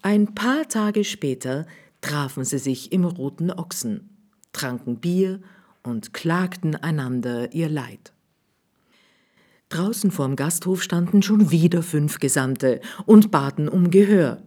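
A woman reading a children's story aloud in an expressive way, with soft whispered asides. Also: deep voice, slow.

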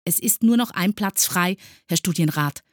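A woman's voice: lowish voice, moderate pace, no room sound, studio quality, voice pushed up, natural voice. A woman voicing an eager schoolboy, the top pupil, reporting dutifully in a storybook reading.

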